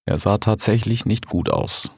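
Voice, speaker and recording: Deep-voiced male audiobook narrator. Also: creaky, darkish tone, slightly rough, no room sound, studio quality. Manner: measured storytelling.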